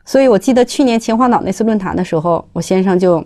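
A middle-aged woman who heads a company gives a personal testimony talk about her studies. She tells it as lively stories and acts out the dialogue. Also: mid-range voice, quick pace. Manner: lively storytelling, acting out dialogue. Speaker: company head sharing study experience.

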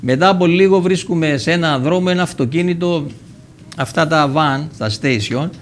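Slight background noise accompanies this older man from Cyprus as he shares a personal tale on TV, his pitch fairly high. A lively storyteller, he acts out what people said and restarts often.

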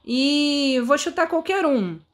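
A woman with a Brazilian Portuguese accent giving excitable let's-play commentary, full of dramatic exclamations and asides to her viewers. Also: sits high, slow pace. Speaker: gaming video creator.

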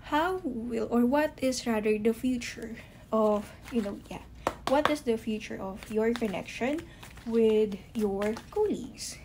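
A woman doing a casual tarot card reading to camera, talking haltingly with many fillers and restarted sentences. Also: on the high side, a little mellow, a little hiss or hum. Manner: halting, heavy use of "you know" and "um" fillers; admits to stuttering, restarts sentences. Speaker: tarot reader.

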